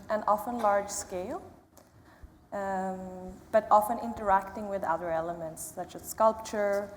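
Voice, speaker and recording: A woman from Sweden introducing her painting at a panel, speaking in a measured, reflective way with pauses. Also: medium pitch. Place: museum auditorium. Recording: long hall reverb, faint room noise.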